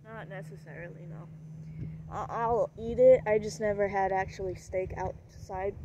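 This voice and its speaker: Casting: woman with a medium-pitched voice, relaxed everyday chat, noisy outdoor recording. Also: normal speed. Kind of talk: casual chat.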